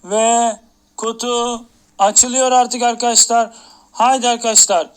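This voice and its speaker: This male game streamer talks with a strikingly high, smooth voice that barely moves in pitch. He loops the same short lines over and over with a hyped countdown energy. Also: little pitch movement, unhurried. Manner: repetitive, hyped countdown talk. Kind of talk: live game-stream chatter.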